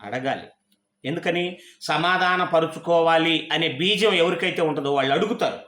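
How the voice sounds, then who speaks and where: Man, pastor, sermon, high voice, rhetorical questions, echoey hall. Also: normal speed, fairly bright tone. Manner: constant rhetorical questions to the congregation.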